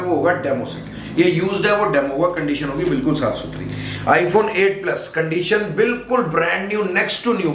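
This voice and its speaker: A young man with a Delhi Hindi accent selling phones in a small shop, calling out prices in brisk, repeated sales pitches. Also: fairly bright tone. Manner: brisk, repetitive price calls. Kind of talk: sales pitch showing products. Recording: echoey room, faint background noise.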